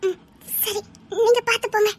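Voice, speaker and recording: A woman with a Tirunelveli Tamil accent, playing a naive, trusting young woman who stammers softly. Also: very high-pitched, fairly even intonation, normal speed. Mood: shy. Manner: hesitant, stammering, soft. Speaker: actress in a skit. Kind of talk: melodramatic skit acting.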